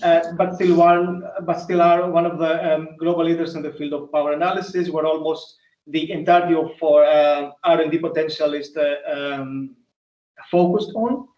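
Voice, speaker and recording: A man working as an application engineer gives a halting, polite presentation over a video call. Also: on the high side, fairly even intonation, a little mellow. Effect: video call audio. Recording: echoey, distant, muffled video call.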